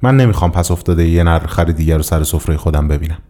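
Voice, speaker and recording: A man's voice: deep voice, dark tone, close to an everyday voice. A man voicing a cold, stubborn young husband who speaks bluntly in an audiobook story. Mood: curt.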